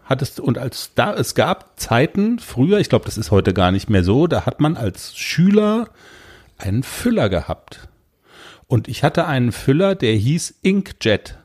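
A man's voice: medium pitch, very animated, unhurried, a little mellow, husky. A man co-hosting a podcast, chatting casually and rambling through free associations. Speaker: podcast co-host. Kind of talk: casual chat.

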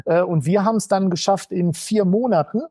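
A man's voice: high voice, moderate pace, warm tone, husky, dry recording, studio quality. A man talking casually as an interview guest from his shop, rambling with lots of filler sounds. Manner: rambling, many filler sounds, acts out quoted voices. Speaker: entrepreneur guest.

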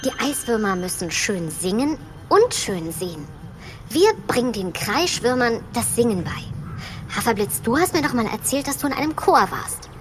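A woman voicing a polite, curious little creature with lively questions in a children's audio drama. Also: on the high side, normal speed, music in the background. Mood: eager.

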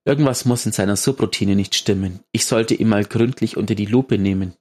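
A man's voice: lowish voice, a little fast, a little mellow, lightly acted. A man reading aloud as a young woman engineer, fretful and thinking aloud. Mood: worried.

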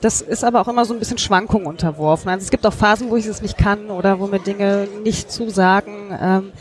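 A woman at a busy congress chats about her podcasts in a loose, casual way. She thinks aloud, with lots of fillers and restarts. Her pitch sits in an ordinary middle range. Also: fairly even intonation, fast talker. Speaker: podcaster, guest. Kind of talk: casual conversational interview. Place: busy hacker congress hall.

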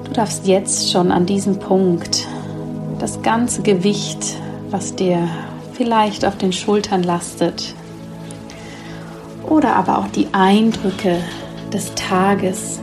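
A woman guiding a sleep meditation like a bedtime sleep story narrator, speaking softly and soothingly with long, slow pauses. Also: mid-range voice, fairly even intonation, over music. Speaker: podcast host leading a guided sleep meditation.

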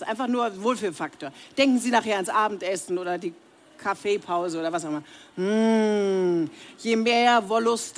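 A woman voice coach speaking directly to a live audience, leading breathing and humming exercises and demonstrating the sounds herself. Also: medium pitch. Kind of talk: live voice training workshop. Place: seminar room with audience.

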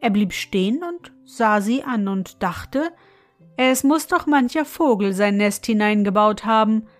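A woman reading a fairy tale aloud in a slow, measured way. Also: medium pitch, animated, faint music behind. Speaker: storyteller.

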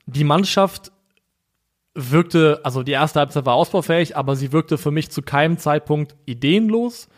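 Ein Mann, der als Co-Host in einem lockeren Podcast ruhig und sachlich Fußballspiele analysiert. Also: male voice, a little high. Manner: measured, analytical. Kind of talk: casual football analysis.

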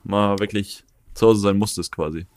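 A man hosting a podcast who chats casually and asks quick questions. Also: fairly low pitch, fairly even intonation, a little mellow, no echo, clean studio sound.

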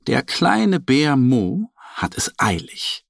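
A man narrating a children's story in a very expressive, sing-song storytelling manner. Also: mid-range voice, takes it slowly, gravelly, dry recording, studio quality.

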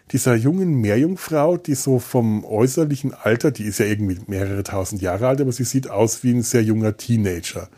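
Mellow and mid-range, the man's voice carries a casual, meandering solo podcast he hosts from an indoor sofa. He sounds hesitant, as though thinking aloud, with a wry, self-mocking manner.

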